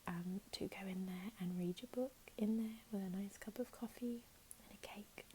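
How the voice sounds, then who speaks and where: A woman playing a helpful, chatty librarian in a whispered role-play, speaking in a gentle, unhurried library whisper. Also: medium pitch, slight background noise, lightly acted. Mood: helpful, soothing. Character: helpful, chatty female librarian signing up a patron.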